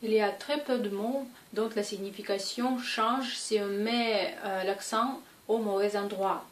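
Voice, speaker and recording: Slow Russian-accented woman teaching. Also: medium pitch, fairly even intonation, far from the mic. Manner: patient and careful, drawing out example sounds. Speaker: language teacher. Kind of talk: explanatory lesson. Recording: echoey room, voice off-mic, faint ambience.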